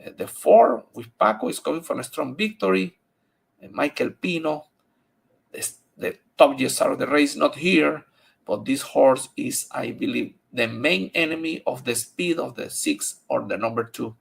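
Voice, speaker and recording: Male handicapper, native Spanish speaker with Spanish accent. Heavy fry and husky tone, halting but emphatic delivery of race picks. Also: fairly high pitch. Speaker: horse racing handicapper. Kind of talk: unscripted race-by-race picks commentary.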